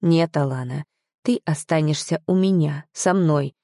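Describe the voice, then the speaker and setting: A woman's voice: deep voice, a little slow, warm tone, no echo, studio quality. A woman reading a smug, domineering young man. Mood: smug, commanding. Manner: mocking, commanding.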